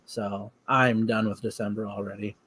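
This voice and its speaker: A man's voice: fairly low pitch, flat delivery, moderate pace, fairly bright tone, slight background noise. A man co-hosting a podcast in casual chat, teasing and wry, laughing often. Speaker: podcast co-host.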